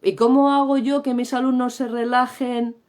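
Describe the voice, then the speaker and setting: On a livestream, a middle-aged Spanish woman with a Spain Spanish accent teaches English theatrically and playfully, acting out the sounds. Her fairly high voice is a little mellow, with a flat delivery at a moderate pace.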